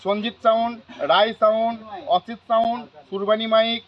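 A man's voice: very high voice, flat delivery, moderate pace. A man speaking as a spokesman at a public meeting, reading out a long list of names with some hesitations. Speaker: sound system association spokesman. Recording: muffled, crowd noise behind. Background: crowd.

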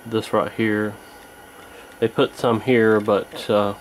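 Working at an indoor bench, this host narrates a radio repair in a relaxed way, speaking slowly in a fairly low, level voice. The audio is low quality, with clear background noise from the handheld camera's built-in mic.

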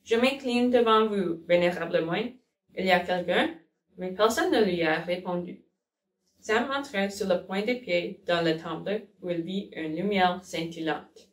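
A woman reading a children's storybook aloud, slowly and carefully, sometimes correcting herself. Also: on the low side. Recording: roomy, from a distance.

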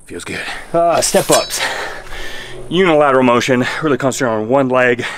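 There's background noise as a man in his thirties, speaking at normal speed in a mid-range voice, gives workout instructions in voice-over. He plays a laid-back, upbeat fitness coach explaining exercises in an outdoor home gym by a garage.

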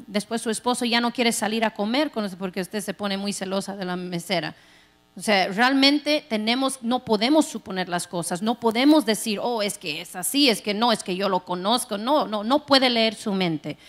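A woman pastor preaching a sermon in an animated way, acting out everyday scenes. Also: medium pitch, moderate pace.

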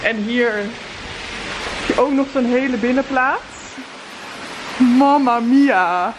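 Talking slowly at a fairly high pitch over a noisy background, a travel vlogger in her twenties chats cheerfully into a handheld camera at arm's length. Her casual holiday vlog moves between outdoors, hotel rooms and a spa.

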